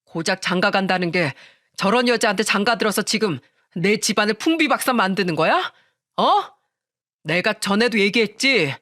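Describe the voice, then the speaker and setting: A woman's voice: on the high side, very animated, slow, dry recording, clean studio sound, exaggerated voice. A woman voicing a stern husband who scolds his younger brother in a narrated story. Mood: angry. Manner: scolding, shouting. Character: angry older brother, a husband, stern man.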